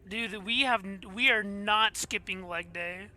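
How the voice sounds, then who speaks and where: A young streamer hosting a casual game playthrough, speaking playfully in a relaxed way. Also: mid-range voice, measured pace, over a noisy crowd. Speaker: streamer host. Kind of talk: casual gaming commentary.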